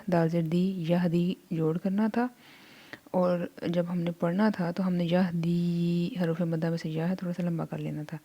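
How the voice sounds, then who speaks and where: Woman, Quran reading tutor; dark, mellow tone, drills syllables slowly and patiently. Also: lowish voice. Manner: slow syllable-by-syllable drilling, then quick explanations. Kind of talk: spelling out syllables in a slow lesson.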